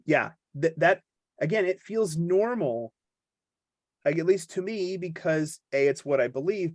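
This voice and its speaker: A man with a fairly high voice chats on a podcast, wandering off on joking, self-deprecating tangents. The sound is dry and close, with no room around it. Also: no echo. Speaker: podcast co-host. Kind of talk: casual podcast conversation.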